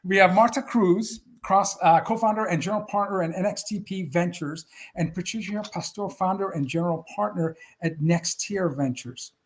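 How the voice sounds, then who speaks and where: A man's voice: sits high, moderate pace, few pauses. A man co-hosting a talk show over a video call, formally reading prepared introductions. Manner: formal, reads prepared praise. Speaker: co-host.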